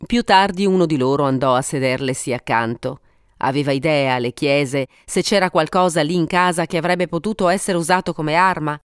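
A woman narrating a story for an audiobook, reading expressively with dramatic pauses. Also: low voice, smooth, no echo, studio quality. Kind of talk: scripted narration.

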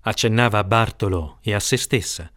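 A man narrating an audiobook in a steady, expressive reading voice. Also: lowish voice, moderate pace, no room sound, studio quality.

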